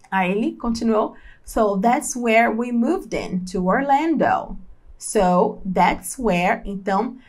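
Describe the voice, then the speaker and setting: A woman with a Brazilian Portuguese accent teaching an English lesson. She repeats each phrase, translates it, and laughs lightly now and then. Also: on the high side. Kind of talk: language lesson explanation.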